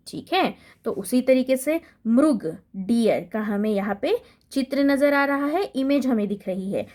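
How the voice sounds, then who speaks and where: A young woman with an Indian accent, teaching a slow recorded Hindi lesson to young children with patient drawn-out syllable drills. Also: a little high, darkish tone. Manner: patient, drawn-out syllable drills, frequent "ठीक है?" check-ins. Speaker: primary school Hindi teacher.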